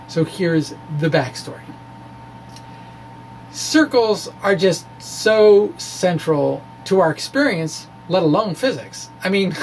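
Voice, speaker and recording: This high-sitting male voice belongs to a science blogger who reads his physics-puzzle blog aloud, giving a dramatic, informal explanation full of quirky, emphatic phrasing and asides. The recording is rough, with a little hiss or hum.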